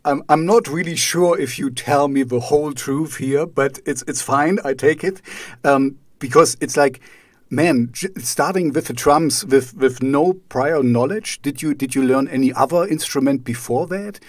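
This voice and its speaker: Non-native male host, halting, repeats words, dry close sound, mid pitch. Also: no room sound. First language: not English. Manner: hesitant, stumbles and repeats words. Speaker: podcast host. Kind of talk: casual interview questions.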